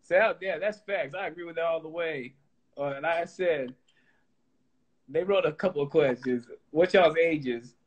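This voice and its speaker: A husky-voiced man in his late thirties hosts a laid-back interview. His voice sits high for a man, and he talks loosely, tripping over repeated words before finding his point. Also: normal speed. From Texas. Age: 30s. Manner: loose, animated, repeats words when starting. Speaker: host. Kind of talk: casual interview chat.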